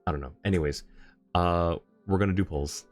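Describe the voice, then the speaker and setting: Speaking fairly quickly in a voice that sits low, a man chats casually on his game livestream, reading chat and rambling as he thinks aloud. Game music plays underneath.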